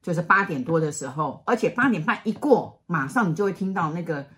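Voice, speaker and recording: A woman's voice: lowish voice, fairly quick. Middle-aged Taiwanese woman telling a ghost story. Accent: Taiwanese Mandarin. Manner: animated, acts out voices, restarts mid-sentence. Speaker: storyteller guest.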